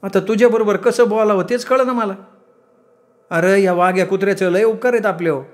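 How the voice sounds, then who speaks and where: A man's voice: high-pitched, steady tone, brisk, voice pushed up, natural voice. A man voicing a strong-willed older village mother who scolds in rustic speech. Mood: reproachful.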